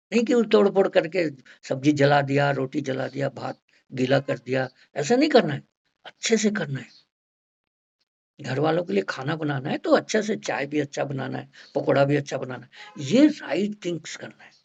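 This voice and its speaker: A man teaches a class in a gravelly, husky voice, his pitch rising and falling with animated emphasis. He keeps asking the students whether they follow. The recording is dull and lo-fi. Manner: mixes English into explanations. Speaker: homeopathy teacher. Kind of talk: classroom lecture.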